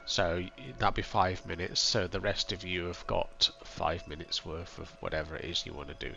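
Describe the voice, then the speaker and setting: A man's voice: sits low, level tone, moderate pace, vocal fry, bright, forceful tone, dull audio. A man casually narrating a tabletop game as game master, with music behind him.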